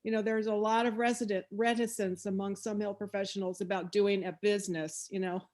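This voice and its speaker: A woman's voice: medium pitch, level tone, fairly quick, darkish tone. A woman health professional and coach speaking on a group video call, conversational and explanatory with a light touch of humor. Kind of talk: casual sharing on a video call.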